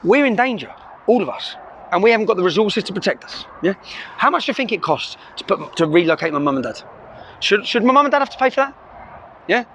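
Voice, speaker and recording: Speaking to a camera in his car, the middle-aged man vlogs with urgent, impassioned emphasis, tagging sentences with "yeah?". His high-pitched voice is sing-song and a bit bright, moving at a quick pace. A little hiss or hum sits under the audio.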